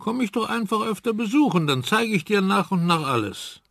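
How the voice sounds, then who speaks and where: An absent-minded old inventor, higher than plain talk, as a man puts him on. He mumbles when caught off guard and turns eager over his gadgets. The sound is dry and close. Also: expressive, moderate pace, vocal fry, a bit bright, no echo, heavily acted. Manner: distracted, mumbling, then eager.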